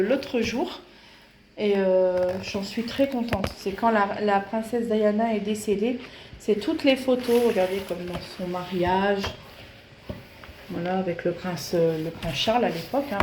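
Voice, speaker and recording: Here a female vlogger does a relaxed book show-and-tell, hesitant and full of filler words. Her mid-range voice is a little mellow. Faint noise and echo fill the room.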